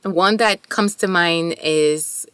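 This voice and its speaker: Female co-host, native French speaker, slightly low register, informal and effusive delivery, close dry sound. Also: takes it slowly, a bit bright, clear, resonant tone, no echo. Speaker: podcast co-host discussing articles and poetry. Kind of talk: casual discussion with some poetry reading.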